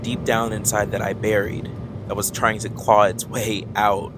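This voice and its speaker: A man's voice: lowish voice, flat delivery, normal speed, very noisy. A young male singer speaking in an earnest, introspective documentary voice-over.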